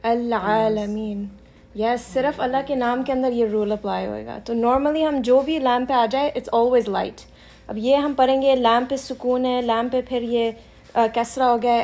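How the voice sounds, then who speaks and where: Woman teaching a class, patient and slow. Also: a little high, darkish tone. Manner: patient, mixes Hindi-Urdu with English, repeats examples slowly. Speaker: Quran recitation teacher. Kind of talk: class lesson.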